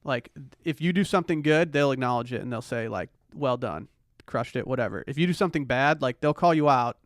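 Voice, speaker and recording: A man co-hosting a podcast in quick, wry casual chat. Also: mid-range voice, animated, no room sound, clean studio sound. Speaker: podcast co-host.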